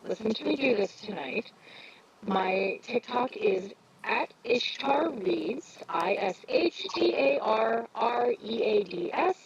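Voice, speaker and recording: A woman's voice: fairly high pitch, animated, slow, crowd noise. A woman co-hosting a stream in rambling, casual chat on her phone, her voice muffled with a whooshing sound like she is talking into a fan. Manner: rambling, with many fillers. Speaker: stream co-host and audiobook narrator.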